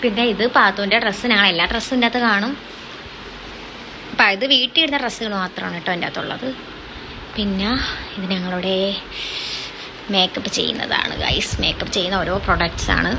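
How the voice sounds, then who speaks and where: A woman's voice: mid-range voice, fairly even intonation, quick pace, gravelly, pauses often. Chatty young woman, noisy phone audio. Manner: chatty, keeps addressing viewers as guys. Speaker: vlogger giving a home tour. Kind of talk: casual home-tour narration.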